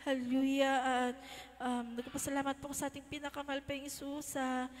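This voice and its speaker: A young woman speaks a church testimony in a high, strikingly flat voice, halting and polite, dropping a hallelujah between phrases. Her voice rings with the long reverb of a church hall. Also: a little hiss or hum. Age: young adult. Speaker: church member giving testimony. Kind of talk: religious testimony.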